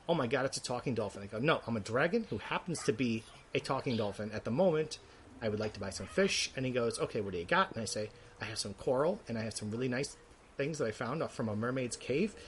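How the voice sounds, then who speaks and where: A man's voice: mid-range voice, a little hiss or hum, natural voice. A man voicing a chatty, rambling old male brass dragon who is fussy and easily offended.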